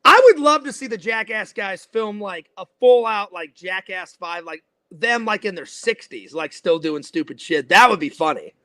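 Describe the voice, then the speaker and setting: The host, a man in his forties, keeps a casual interview going with rambling talk full of repeated words and restarted sentences. His voice sits high with a sharp tone, animated at a moderate pace with hardly any pauses.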